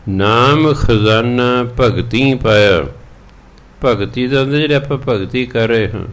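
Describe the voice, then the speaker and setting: Brief: male Punjabi preacher, lowish voice, chants verses slowly, explains plainly. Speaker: Sikh preacher giving scripture exposition. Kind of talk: sermon explaining scripture line by line.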